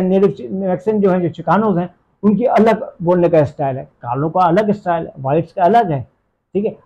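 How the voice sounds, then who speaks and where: A man's voice: high-pitched, mellow, husky, dull audio. A man from Pakistan who teaches English, answering interview questions emphatically and slipping in English phrases. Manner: emphatic, mixes in English phrases, asks "theek hai?".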